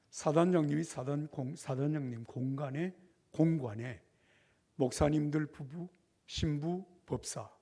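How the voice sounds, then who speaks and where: An older man, a pastor, telling a story in a revival sermon with lively acted dialogue. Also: mid-range voice, husky.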